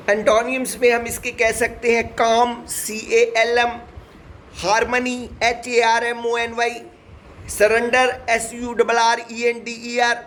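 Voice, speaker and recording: A man with a very high voice teaches an English vocabulary class at an unhurried, measured pace, spelling out each word letter by letter. He keeps turning to his viewers as he explains meanings and synonyms. Faint noise sits behind the voice. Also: fairly bright tone. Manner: slow, deliberate, spells words letter by letter; repeatedly addresses the viewers. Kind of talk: spoken English lesson.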